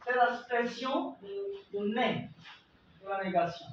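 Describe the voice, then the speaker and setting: Man, French teacher, unhurried, repeats each example, high voice, roomy echo from far off. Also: lively intonation, a little hiss or hum. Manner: repeats phrases and examples slowly for learners. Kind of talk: classroom language lesson. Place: classroom. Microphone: far from the mic. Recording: echoey classroom from far off, dull lo-fi sound.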